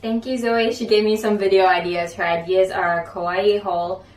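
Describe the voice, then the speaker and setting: A woman's voice: mid-range voice, steady tone, moderate pace. A young adult woman vlogging at home in a casual, chatty way, with lots of "like" fillers. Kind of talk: casual vlog chat. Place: home, indoors. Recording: roomy echo, distant from mic, faint noise.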